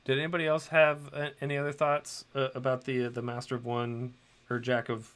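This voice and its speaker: A man's voice: mid-range voice, monotone, fairly quick, a bit bright. Middle-aged man rambling while he draws. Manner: rambling, with many ums and restarts. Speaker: host and illustrator. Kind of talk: livestream chat while drawing.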